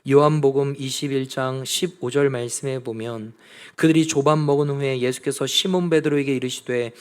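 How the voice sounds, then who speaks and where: A man's voice: medium pitch, fairly even intonation, moderate pace, smooth. Male pastor preaching a Sunday sermon. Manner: retells scripture with dramatic voiced quotes; direct appeals to congregation.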